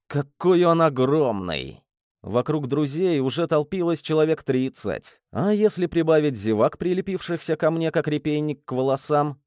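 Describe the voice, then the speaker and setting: A man narrating a fantasy novel in the first person, expressive and lively. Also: a little high, dry recording, clean studio sound. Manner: expressive, rises to rousing speech. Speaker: audiobook narrator.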